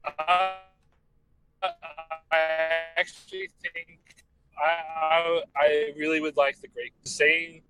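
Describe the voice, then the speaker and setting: A man's voice: a little high, steady tone, slow, long pauses, pushed and bright, faint music behind, poor audio. A man in casual podcast chat, thoughtful and hesitant, with many ums.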